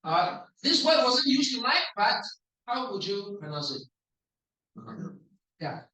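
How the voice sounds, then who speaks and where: A man with a Singaporean accent who evaluates language at a speaking club, coaching the room on pronunciation in a playful way and drilling words aloud slowly. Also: very high-pitched, sing-song, sharp tone, far from the mic. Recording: echoey room, voice from off the mic.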